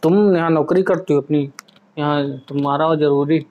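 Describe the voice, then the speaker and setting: Calm, teasing man in a home vlog. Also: a little high, moderate pace, lo-fi sound, background noise. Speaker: vlogger husband pulling a prank. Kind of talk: casual home vlog talk. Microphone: camera set up in front.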